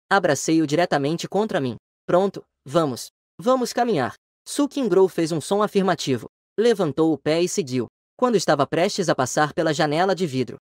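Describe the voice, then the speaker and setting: A man's voice: a little high, no echo, studio quality. A man reading a romance comic story aloud in the first person, as scripted narration.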